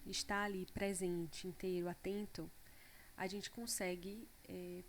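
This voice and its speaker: A woman talking in a relaxed conversation, reflective, with frequent fillers. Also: fairly low pitch, a little slow, slight background noise. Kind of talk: casual conversation.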